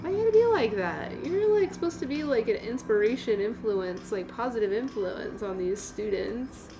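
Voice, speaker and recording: A woman in her late thirties hosts a livestream, chatting casually with viewers in a rambling, exclamatory way. Her fairly high, expressive voice moves at a normal speed over music.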